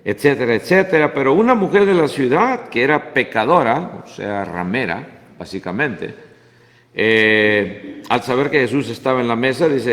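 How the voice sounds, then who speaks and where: A man's voice: medium pitch, a bit bright. Guy teaching bible class, loose and chatty, long echo in the church hall. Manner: conversational, mixing in English tags, frequent "¿verdad?".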